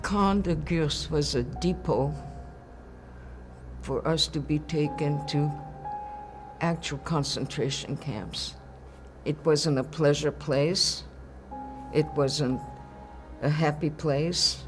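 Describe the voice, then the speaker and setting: Slow-spoken older woman from Belgium. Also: deep voice, soft background music. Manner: slow, halting, searching for words. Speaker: Holocaust survivor giving testimony. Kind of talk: archival testimony interview.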